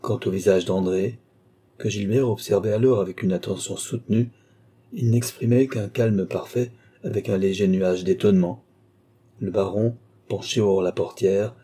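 Male audiobook narrator, dark and mellow, measured delivery. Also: lowish voice, breathy edge.

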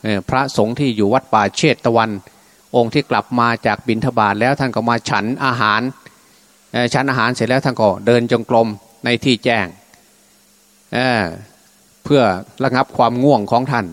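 A man's voice: medium pitch, fairly even intonation, normal speed, fairly bright tone. A man preaching as a Buddhist monk, telling a scripture story in colloquial, unscripted speech and voicing the dialogue himself. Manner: colloquial, acts out dialogue in his own voice. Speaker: Buddhist monk giving a Dhamma talk.

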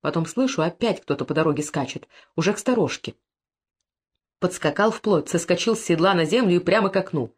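A woman reads classic prose aloud as an expressive storyteller. Her pitch moves widely and freely through the tale. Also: brisk, breathy edge. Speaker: audiobook narrator. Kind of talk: classic prose audiobook reading.

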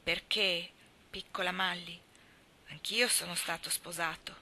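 A woman reading a gentle, grave older man. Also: lowish voice, steady tone, unhurried, heavily acted.

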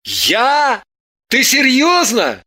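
A man's voice: extremely high pitch, wildly swooping pitch, drawn-out words, sharp tone, full character voice. A man voicing a bewildered middle-aged husband who keeps defending himself with indignant, theatrical protests. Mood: baffled.

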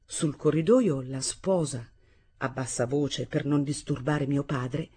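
A woman narrating a literary novel for radio, expressive and lively. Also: extremely low pitch, takes it slowly, breathy edge. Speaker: audiobook reader.

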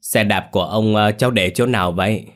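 A man's voice: on the low side, fairly quick, lightly acted. A man voicing a worried old grandfather who asks trembling, stammering questions.

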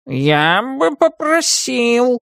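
A know-it-all storybook cat, put on by a male narrator, speaks slowly in a high, gravelly voice. He sounds pedantic and easily offended, and the recording is dry. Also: animated, a bit bright, no echo, exaggerated voice.

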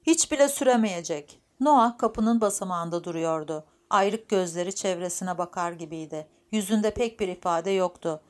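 A woman with a fairly low voice narrates an audiobook from a script, reading in a steady, measured manner.

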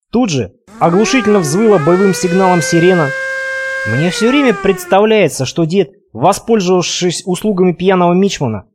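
A man narrating a first-person adventure audiobook in an expressive, conversational way. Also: high voice.

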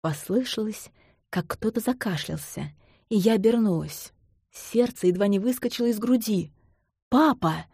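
A woman narrating a novel in the first person, in a measured, intimate storytelling manner. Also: mid-range voice, lively intonation, mellow, husky, no echo, studio quality. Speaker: audiobook narrator.

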